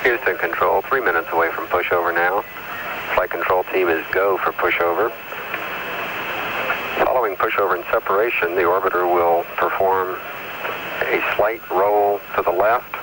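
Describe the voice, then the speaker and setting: A man giving measured, factual live flight commentary as a mission control announcer. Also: low voice, fairly even intonation. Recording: noisy archival broadcast with radio hum.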